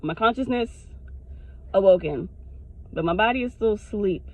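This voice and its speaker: A woman's voice: mid-range voice, lively intonation, normal speed, low-quality recording. A woman vlogger telling a candid storytime to her viewers, with frequent swearing. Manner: talks straight to the viewers. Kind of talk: casual storytime.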